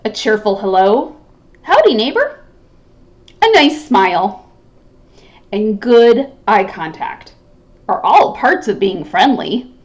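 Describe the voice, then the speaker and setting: A woman's voice: mid-range voice, very animated, takes it slowly, pauses often, lo-fi sound. A woman voicing a worried, polite male rabbit in a picture book she reads aloud, with an earnest, mannerly delivery.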